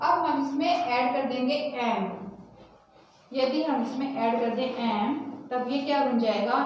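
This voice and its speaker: A woman with an Indian accent, teaching young children phonics and spelling words out letter by letter. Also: high-pitched. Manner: spells words letter by letter, then says them slowly. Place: classroom or school room. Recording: echoey room, mic far off, faint noise.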